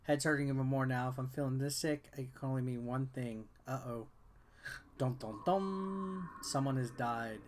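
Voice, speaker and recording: Speaking at normal speed in a mid-range voice, a game reviewer and video host chats casually about the gameplay and reads game text aloud. Game music plays in the background, and the recording has a slight hiss or hum.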